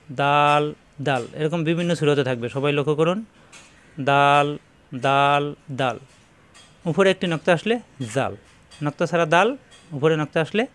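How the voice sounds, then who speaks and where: A man teaching Quran reading, explaining each Arabic letter and saying its name again and again in a slow, instructive way. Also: a little high. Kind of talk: step-by-step letter pronunciation lesson.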